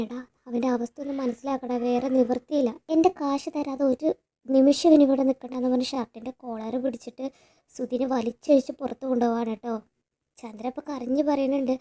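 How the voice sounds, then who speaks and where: A woman's voice: sits high, mellow. A woman in casual, chatty narration, retelling a TV serial episode scene by scene. She keeps adding a tag word to her sentences and often restarts a word mid-sentence. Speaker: serial recap host.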